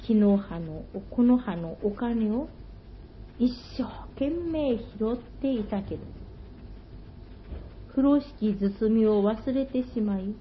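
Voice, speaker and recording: A woman telling an old folktale slowly and gently, in old-fashioned storytelling phrasing. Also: fairly high pitch, expressive, a little hiss or hum. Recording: dull lo-fi recording.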